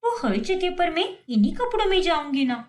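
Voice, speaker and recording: A woman's voice: very high-pitched, big pitch swings, normal speed. A woman voicing a cheeky, defiant young daughter-in-law who argues back in a cartoon story. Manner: cheeky, argumentative.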